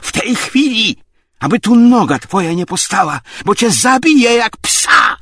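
A man voicing an idle gentleman who answers curtly and indignantly with a raised voice. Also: medium pitch, very animated, measured pace, husky, voice pushed up, exaggerated voice. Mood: furious. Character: idle gentleman, cool at first, then trembling with rage.

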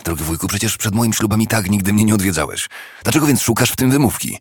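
A man's voice: fairly low pitch, animated, fast, breathy edge, no room sound, studio quality, voice pushed up. A man voicing a cheerful young nephew who speaks earnestly and pleads kindly with his uncle. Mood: pleading.

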